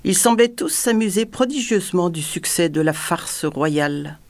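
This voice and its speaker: A woman reading a story aloud in scripted narration, with even, dramatic storytelling. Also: on the low side, normal speed. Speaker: audiobook narrator.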